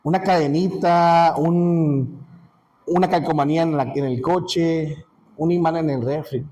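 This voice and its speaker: Halting Mexican man teaching Bible class. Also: a little high, fairly even intonation, dark tone, a little hiss or hum, rough recording. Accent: Mexican Spanish. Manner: halting, many restarts and filler words, checks in with listeners. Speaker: Sunday school teacher.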